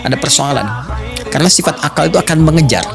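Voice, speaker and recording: A man's voice: a little high, fast, gravelly. Chuckling man explaining with music behind. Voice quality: teacherly, chuckling often. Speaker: preacher in interview. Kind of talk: explaining in conversation.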